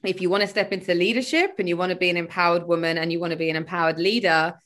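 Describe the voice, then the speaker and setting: A woman with a lowish, slightly bright voice talks very fast in a steady tone. She's a spiritual coach, born in Sweden and raised in London, appearing as a guest on a podcast over video call. The interview is casual and conversational, and she rambles with lots of fillers.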